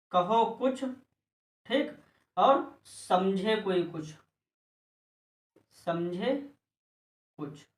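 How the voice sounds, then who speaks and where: A man's voice: high-pitched, a bit bright. Echoey male teacher explaining patiently. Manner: explains patiently with repeated examples; addresses students as brother and dear children. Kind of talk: exam-prep grammar lesson. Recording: echoey room, voice from a distance.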